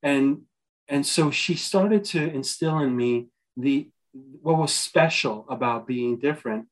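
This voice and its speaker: A man's voice: mid-range voice, unhurried, poor audio. Earnest middle-aged man reflecting thoughtfully. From United States. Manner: earnest, thoughtful, frequent "right?" and restarts. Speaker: journalist guest. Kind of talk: reflective interview answers.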